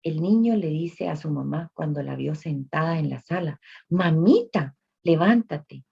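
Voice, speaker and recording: A woman telling a religious story to listeners, speaking directly to them with dramatic pauses. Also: deep voice, vocal fry, warm tone, breathy edge. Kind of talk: emotional spoken storytelling. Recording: dull lo-fi recording.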